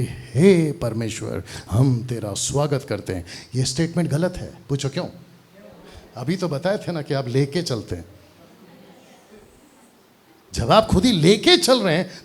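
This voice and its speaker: A man preaching a lively sermon at a church seminar, teasing and quizzing the crowd and mixing English words into his Hindi. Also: medium pitch. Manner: animated, teasing, asks the crowd questions.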